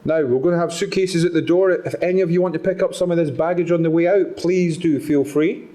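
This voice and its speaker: At a patient summit, a Scottish man with a fairly high voice gives a motivational talk to an audience in a conference room. He's animated and conversational, repeatedly turning to listeners with quick questions.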